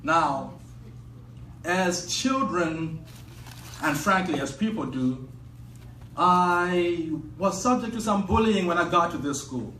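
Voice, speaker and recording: A young man from Zimbabwe with a Zimbabwean accent, telling a personal story on stage at a live event in a measured, reflective way with frequent pauses. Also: sits high, animated, bright, forceful tone. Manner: measured, reflective, pausing often. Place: event venue with an audience. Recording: echoey room, distant mic, faint noise.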